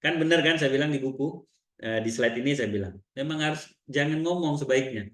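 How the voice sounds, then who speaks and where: A man with an Indonesian accent giving a seminar talk, telling client stories in lively quoted dialogue. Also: medium pitch, a little fast, echoey room. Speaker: seminar trainer.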